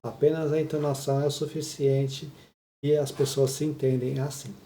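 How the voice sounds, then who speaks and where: Gravelly man teaching Japanese. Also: mid-range voice, flat delivery, moderate pace, warm tone, roomy sound, slight background noise. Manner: explains patiently, checks in with "né?" and "tá?" constantly. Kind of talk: explaining a listening lesson.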